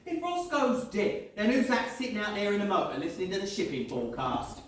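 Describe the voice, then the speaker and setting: Heard from far off in an echoey theatre, a dim but cheeky minder. His pitch jumps around widely as he chatters irreverently in a stage comedy. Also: huge pitch swings, brisk. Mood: breezy, baffled. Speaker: stage actor in a comedy play. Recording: echoey theatre, distant mic, faint noise.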